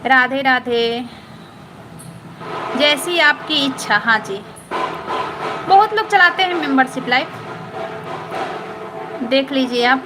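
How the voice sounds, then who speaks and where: A high-voiced woman from Patna, Bihar, hosts a live stream and answers viewer comments, speaking slowly with long pauses over a noisy background. She's chatty and repetitive, often asking "understood?" to check that viewers followed.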